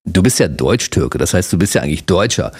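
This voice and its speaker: Lively, fast-talking Berlin radio host. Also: male voice, low voice, slightly rough, dry recording, clean studio sound. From Germany, Berlin. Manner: lively, laughs often, prompting questions. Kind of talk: late-night radio interview.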